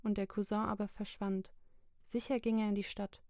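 A woman narrating a literary book chapter in a slow, measured, even reading. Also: mid-range voice, dry recording, studio quality. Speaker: audiobook narrator.

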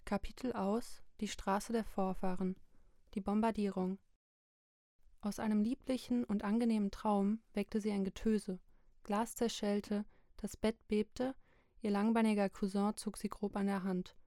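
A woman narrating a literary book chapter in a slow, measured, even reading. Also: medium pitch, no room sound, studio quality. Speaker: audiobook narrator.

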